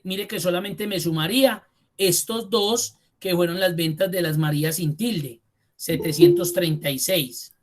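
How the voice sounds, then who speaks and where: This online spreadsheet class is taught by a man with a high voice who addresses students casually and directly. As a computer course instructor, he stresses key terms by repeating them slowly.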